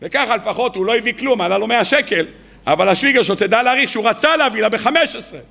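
Speaking in a high-pitched, expressive, creaky voice, a man delivers a rabbi's weekly Torah talk to an evening audience. His sermon is colloquial and story-driven; he calls his listeners "gentlemen" and plays the characters himself.

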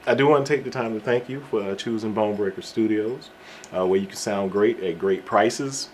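A man's voice: fairly low pitch, moderate pace, slight background noise. A man giving a promotional read as an advertiser for a recording studio.

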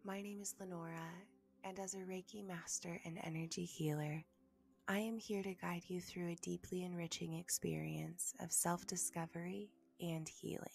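A woman hosts a guided meditation, speaking softly in a breathy half-whisper with a fairly low, steady voice. She leaves long, soothing pauses between her words.

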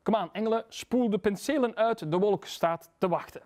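A man's voice: high-pitched, moderate pace, a little mellow, voice pushed up, lightly acted. A man with a Flemish accent voicing a fatherly, tired male God creating the animals in a storybook reading. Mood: weary. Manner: fatherly, flustered, patient then tired. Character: weary good-natured old God the Father, male.

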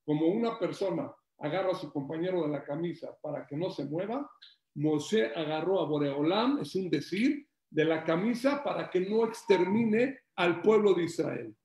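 A man teaching a Torah class, animated, repeating phrases and acting out stories. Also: on the high side, moderate pace, echoey room. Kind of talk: religious class.

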